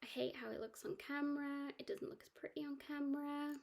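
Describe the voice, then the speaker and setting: A woman's voice: high-pitched, steady tone, a little fast, vocal fry, darkish tone. A woman chatting casually about her cross-stitch projects, rambling with lots of ums and restarts. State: has the hiccups. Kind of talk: casual chat.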